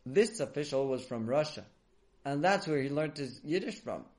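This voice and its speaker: A man narrates a dramatic tale for children with lively, expressive delivery. His voice sits a little higher than most men's, and he rises and drops for suspense. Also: moderate pace. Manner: animated, expressive. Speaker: storyteller for children.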